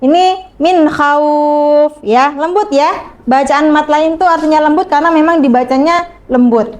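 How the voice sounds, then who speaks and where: A young woman teaching a class, speaking slowly and patiently and checking often that the students follow. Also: sits high. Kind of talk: classroom lesson.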